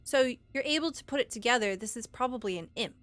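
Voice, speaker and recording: A woman's voice: on the high side, expressive, fast, fairly bright tone. A woman narrating a tabletop roleplaying game as game master, with descriptive, suspenseful storytelling.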